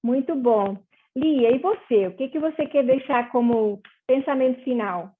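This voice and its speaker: A Portuguese woman moderating a panel speaks reflectively in a Portuguese accent with Brazilian tones. Her slightly high voice is earnest and measured, with small pauses. The sound is thin and phone-like, as over a video call, with a little hiss or hum.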